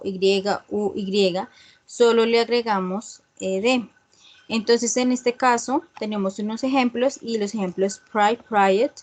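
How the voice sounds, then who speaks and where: Woman teacher, explains step by step. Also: a little high. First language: Spanish. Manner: explains step by step, often checks with "¿sí?". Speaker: English teacher. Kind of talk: recorded grammar lesson.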